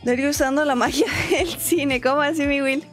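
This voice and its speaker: A woman's voice: sits high, steady tone, moderate pace, over music. A woman with a Mexican accent streaming a game from home, chatting casually and greeting viewers by name. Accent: Mexican Spanish. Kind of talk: casual live-stream chat.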